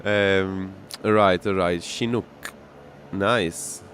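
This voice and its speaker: A man's voice: mid-range voice, animated, normal speed, a little hiss or hum. A man, streaming a flight simulator and chatting casually with his viewers, often answering their messages and laughing easily. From Italy. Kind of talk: casual live-stream chat. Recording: music playing behind.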